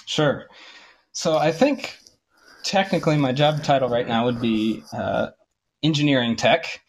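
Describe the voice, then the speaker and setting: A man in his twenties from Ohio, a podcast guest, answering in a relaxed way with frequent laughs and ums. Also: medium pitch, a little slow, vocal fry, a little hiss or hum. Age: 20s. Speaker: guest, audio engineering tech. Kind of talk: casual interview chat.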